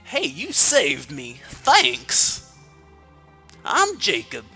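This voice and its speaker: A chipper village storekeeper with a thick, put-on Texas drawl. The voice jumps way up in pitch and comes out loud and cartoonish, with odd, unusual timbre. Game music plays underneath. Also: male voice, huge pitch swings, very slow, exaggerated voice. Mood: cheery. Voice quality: high, loud, overdone cartoonish voice. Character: cheery male village shopkeeper, rescued and chatty.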